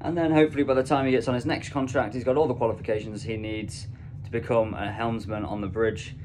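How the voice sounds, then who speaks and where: A young man records himself on a phone at arm's length as he walks through a ship's interior. He explains his routine in a relaxed, conversational way, at an ordinary middle pitch. A clear layer of background noise runs under his voice. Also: fast talker. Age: young adult. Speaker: cruise ship deck officer vlogging his day. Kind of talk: casual vlog narration. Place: indoors on a ship, offices and mess rooms. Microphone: phone held at arm's length.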